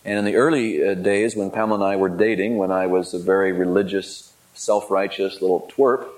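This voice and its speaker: A middle-aged man with a fairly low voice delivers a sermon. He tells personal stories candidly and pokes fun at himself, growing animated as the anecdotes build. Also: fairly quick, a little hiss or hum, poor audio. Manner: candid, self-deprecating, animated when telling anecdotes. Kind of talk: sermon storytelling.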